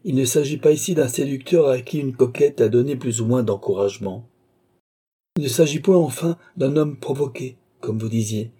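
A man's voice: mid-range voice, moderate pace, warm tone, slightly rough, voice pushed up, natural voice. A man voicing a proud, vengeful young nobleman in a novel reading, speaking with vehement indignation. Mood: indignant. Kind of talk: audiobook character voice.

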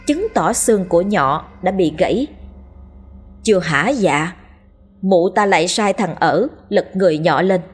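A woman's voice: on the low side, darkish tone. A woman narrating a horror story in a dramatic storytelling manner.

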